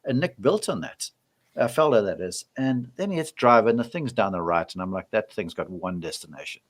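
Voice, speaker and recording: A man telling a golf story on a podcast, his voice sitting in a middle pitch. He talks casually and acts out the lines of the people in his story. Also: very animated, brisk. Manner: storytelling, acts out quoted exchanges. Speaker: on-course golf reporter.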